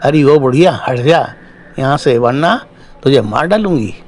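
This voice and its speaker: A man's voice: mid-range voice, animated, unhurried, darkish tone, slight background noise, lightly acted. A man voicing a young woman possessed by a spirit, taunting and threatening in a storybook horror tale. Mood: menacing. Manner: taunting, then pleading.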